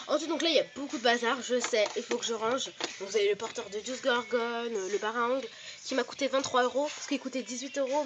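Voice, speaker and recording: Chatty high-voiced woman touring her collection. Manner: chatty, many hesitations, reels off prices. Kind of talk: casual show-and-tell vlog. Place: her bedroom at home.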